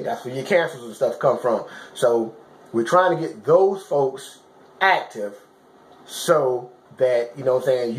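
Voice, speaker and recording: A man giving casual motivational fitness advice to camera in colloquial, informal phrasing, emphatic and repetitive, often checking that listeners understand. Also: medium pitch. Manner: emphatic, repetitive coaching with frequent check-in questions. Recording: roomy, echoing sound.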